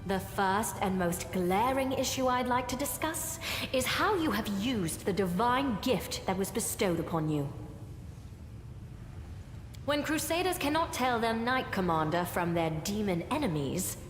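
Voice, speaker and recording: A woman playing a stern, righteous crusade leader in a fantasy game, speaking formally with deliberate command. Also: medium pitch, sing-song. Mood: critical, measured. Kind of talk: dramatic fantasy game acting. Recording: echoey hall reverb over music.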